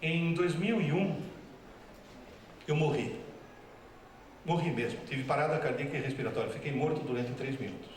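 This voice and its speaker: A man giving a lively storytelling lecture at a school, acting out dialogue with different voices. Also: a little high, normal speed, pauses often, slight background noise. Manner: animated, acts out dialogue with voices. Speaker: teacher giving a talk. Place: school hall. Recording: very echoey hall, speaker far from mic.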